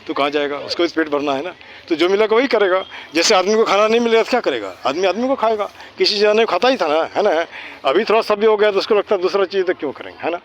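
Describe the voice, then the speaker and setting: A man teaching school students outdoors, lecturing and firing rhetorical questions. He slows down and speaks deliberately whenever he switches into English. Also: a little high, slight background noise. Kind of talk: informal lecture with quiz questions. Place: outdoors in a park.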